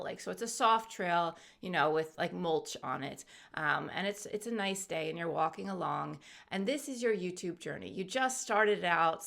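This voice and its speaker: A woman's voice: fairly low pitch, vocal fry, fairly bright tone. A woman YouTube coach in her thirties, casually talking viewers through an imagined journey with plenty of fillers. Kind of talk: guided imagery storytelling.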